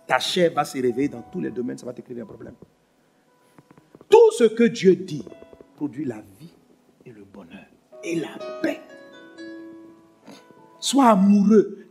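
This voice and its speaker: Give me a male pastor preaching in a high, animated voice. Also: gravelly. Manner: animated preaching, swinging from loud to hushed. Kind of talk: sermon.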